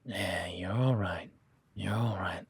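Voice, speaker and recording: In this first-person audio roleplay, a man plays an easygoing, rugged cowboy rancher who teasingly sizes up a new ranch hand, addressing the listener directly. His voice is low, slow, slightly rough and exaggerated. He stays laid-back and speaks softly to his horse.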